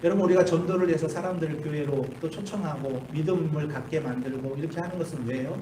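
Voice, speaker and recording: A male pastor preaches a sermon in a church sanctuary, often questioning the congregation and repeating key phrases. He talks fast in a fairly high, mellow voice. The recording is echoey and distant, with slight background noise.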